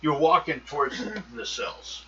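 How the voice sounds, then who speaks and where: A man's voice: on the high side, unhurried. A man narrating a tabletop game as game master, talking loosely with frequent ums. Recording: muffled, distant mic with steady noise.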